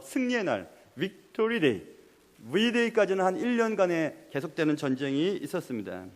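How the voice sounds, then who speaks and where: A man with a high-pitched voice delivers a sermon in a church sanctuary. He swings between impassioned, pleading prayer and quiet, hushed asides. A long hall reverb trails each phrase. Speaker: pastor.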